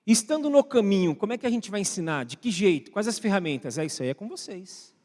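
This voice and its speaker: Man, Brazilian accent, pastor, chatty sermon, high voice, church reverb. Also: big pitch swings, fast talker, a little mellow. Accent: Brazilian Portuguese. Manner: asks the congregation frequent questions; addresses online viewers at home. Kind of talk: conversational sermon. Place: church hall.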